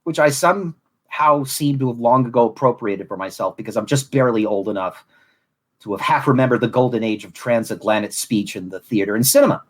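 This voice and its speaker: A man with a mid-Atlantic accent that sometimes slips toward Southern delivers a thoughtful podcast monologue. His phrasing is elaborate and formal. His voice sits at an ordinary middle pitch. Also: fairly quick. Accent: mid-Atlantic, shifting toward Southern. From Southwest Florida. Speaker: podcast host. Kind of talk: reflective solo monologue.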